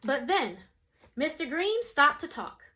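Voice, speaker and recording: Reading slowly in a high voice with a slight hiss or hum, a young adult woman performs a children's picture book. Her delivery is expressive, and she changes voices for the characters' lines.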